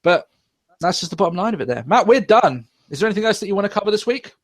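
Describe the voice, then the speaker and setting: Here the young man hosting the wrestling podcast talks very fast and animatedly in a high-pitched voice, still profane, rambling, and quick to laugh. The recording is dry with clean studio sound.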